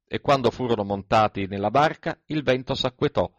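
A man reading scripture aloud in a measured, even recitation. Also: medium pitch, no echo. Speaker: scripture reader.

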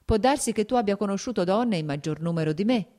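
A woman reading the lines of a married, worldly male officer who talks his friend round, in a measured, persuasive way. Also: medium pitch, animated, mellow, pitched above the performer's own voice, lightly acted.

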